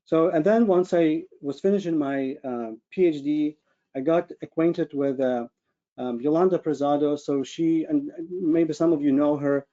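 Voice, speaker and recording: A man from Ukraine, a medical physicist and webinar speaker, presents informally about himself on a video call with screen share. He speaks a little slowly in a fairly high, mellow voice with a Ukrainian accent, earnestly feeling for his words, and the recording's highs are cut off.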